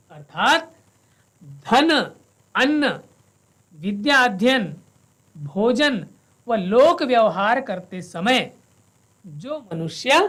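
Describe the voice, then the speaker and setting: A woman teaching a Sanskrit lesson, reciting verses slowly and spelling out each syllable. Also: mid-range voice, a bit bright. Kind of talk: classroom lesson with slow recitation.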